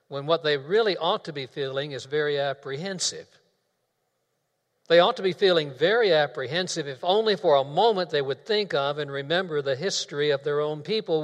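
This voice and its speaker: A man preaching a sermon in a church, speaking in a measured way and repeating key phrases for emphasis. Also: fairly high pitch, a bit bright. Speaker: pastor. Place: church sanctuary. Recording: long reverb of a church hall.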